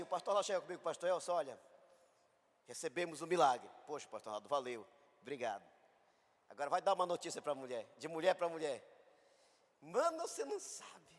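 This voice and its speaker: A man from Brazil, a pastor, telling a story in an animated sermon and acting out voices in the quotes. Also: high voice, in a large hall. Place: church hall.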